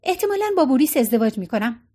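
An awkward teenage girl, as a woman reads her speaks in a high, flustered voice. Her replies come out quick and defensive, the way a shy girl blurts in a storybook. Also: big pitch swings, mellow.

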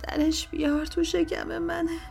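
A woman's voice: extremely high pitch, flat delivery, gravelly, a little mellow, soft background music, voice pushed up, heavily acted. A woman voicing a wounded male captive who begs and gasps out broken words in pain, in a storybook horror reading. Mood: agonized pleading. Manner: gasping, broken pleading.

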